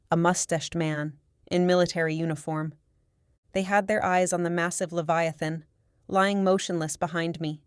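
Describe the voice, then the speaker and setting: A woman narrating a first-person audiobook in a steady, measured storytelling manner. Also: on the low side, smooth, no echo, studio quality.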